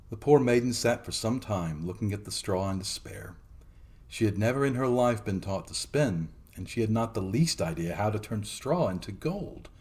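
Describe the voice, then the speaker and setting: A storytelling host with a lowish male voice tells a fairy tale as a theatrical, expressive dramatic reading.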